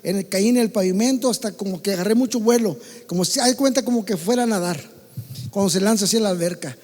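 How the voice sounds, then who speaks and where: A Mexican pastor preaches in a church hall, his voice high for a man and trailing a long reverb. He swings from loud calls to the congregation down to quiet, low asides. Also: fast talker. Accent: Mexican Spanish. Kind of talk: sermon.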